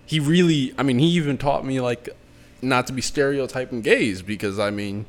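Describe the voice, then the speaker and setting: A man talking in loose, animated casual chat. His pitch sits in an ordinary middle range, and he speaks in a slangy, easygoing way with plenty of fillers. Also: normal speed.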